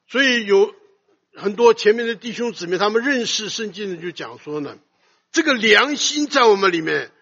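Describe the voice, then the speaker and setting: A man preaching a sermon, swinging between loud emphasis and soft low asides and putting questions to his listeners. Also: creaky, husky. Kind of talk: expository sermon. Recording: dull lo-fi recording.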